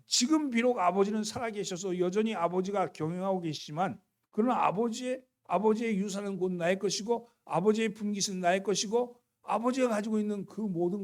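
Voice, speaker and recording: A male pastor preaching a sermon, earnestly addressing the congregation with rhetorical questions. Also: high voice. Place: church sanctuary.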